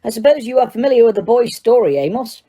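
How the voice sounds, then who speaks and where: A high-ranking male wizard from a fantasy storybook, acted by a woman narrator. He is cold, proud and indignant. His words come formal and clipped, in a raised, barking voice. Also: animated, quick pace, dark tone.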